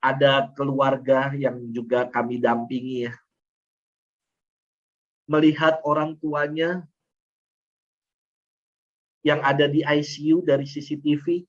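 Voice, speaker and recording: A man preaches with feeling, repeating key phrases to press them home. His voice sits in an ordinary middle pitch. The webinar audio sounds dull and lo-fi. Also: flat delivery, slow, long pauses. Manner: emotional storytelling, repeats phrases for emphasis. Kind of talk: sermon.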